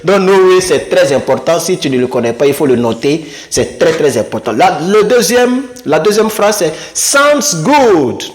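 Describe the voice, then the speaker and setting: A man giving a casual lesson at a whiteboard, explaining phrases in a lively way and acting out short dialogues. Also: moderate pace, hardly any pauses. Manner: lively, acts out little dialogues in a higher voice. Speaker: English teacher. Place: room with a small whiteboard.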